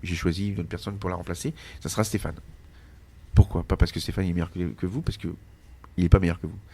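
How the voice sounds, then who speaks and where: A middle-aged man from France, a chef telling anecdotes in a relaxed interview, with frequent restarts and fillers. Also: sits low, quick pace, slightly rough. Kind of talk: casual interview storytelling.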